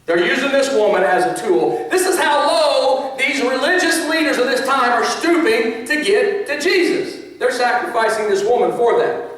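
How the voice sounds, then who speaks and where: A man's voice: extremely high pitch, lively intonation, normal speed, fairly bright tone. A man preaching a sermon as pastor, in a conversational way with asides and small chuckles. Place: church sanctuary. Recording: echoey hall from a distance.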